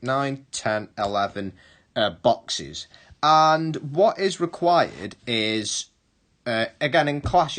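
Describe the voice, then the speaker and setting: A male history teacher giving a recorded online lesson, explaining step by step, rephrasing and correcting himself as he goes. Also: lowish voice.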